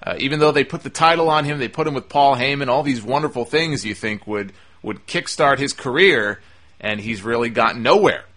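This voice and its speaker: A male podcast host with a bright, forceful voice at a middle pitch. He talks through wrestling commentary conversationally and gives firm opinions. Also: fairly quick.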